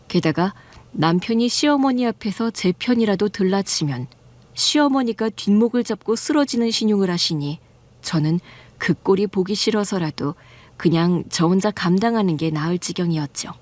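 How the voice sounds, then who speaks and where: A woman narrating a first-person story in a calm, confiding tone, like an audiobook. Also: medium pitch.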